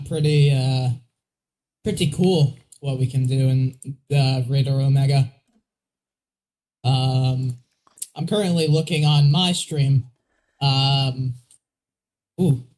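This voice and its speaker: A man's voice: fairly high pitch, darkish tone. A man co-hosting a weather livestream with casual, conversational live commentary and plain explanations.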